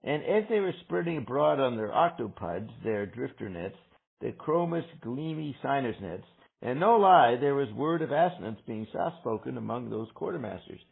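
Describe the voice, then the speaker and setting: Guy reading tricky literary stuff out loud, careful, husky creaky voice, thin phone-like audio. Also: mid-range voice, sing-song, normal speed. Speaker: reader in a book discussion. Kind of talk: reading dense literary prose aloud with discussion. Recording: thin, narrow-band call-like audio.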